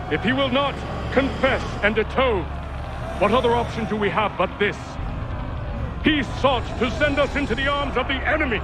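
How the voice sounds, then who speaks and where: A man's voice: extremely high pitch, exaggerated voice. An actor playing a righteous colonial official in a video game, solemnly declaiming a condemned man's sentence to a crowd like an executioner. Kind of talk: theatrical public oration, executioner's pronouncement of sentence.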